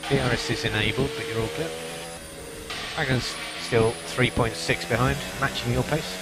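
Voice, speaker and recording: A man's voice: mid-range voice, normal speed, over loud music. A man working as a race engineer, giving concise, repeated instructions over race car team radio. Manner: concise, repeats key calls.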